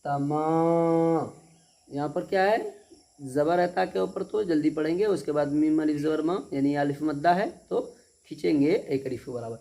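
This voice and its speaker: Patient teacher guy, mellow slightly high voice, repeats stuff and keeps asking if you got it. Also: creaky. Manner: patient, repetitive, keeps asking if students understood; stretches out syllables slowly when demonstrating. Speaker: Quran reading teacher. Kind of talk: step-by-step reading lesson.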